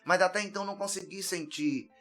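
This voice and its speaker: A man tells his personal testimony, earnest and close to tears, his voice lifting into loud cries at its peaks. His pitch sits a little high for a man. Faint music plays behind him. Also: fairly even intonation, fast. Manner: earnest, tearful, grows loud when recounting. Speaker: podcast guest.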